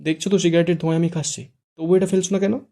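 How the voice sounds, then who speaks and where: A man reading a story aloud, voicing a quick-tempered young woman with angry, sharp retorts. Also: on the high side, flat delivery, gravelly, pitched above the performer's own voice.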